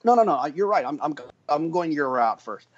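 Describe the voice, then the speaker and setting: A man co-hosting a horse racing podcast, telling a story with energy and lots of quick restarts. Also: a little high, dull audio. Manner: animated storyteller with frequent restarts. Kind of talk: casual podcast chat.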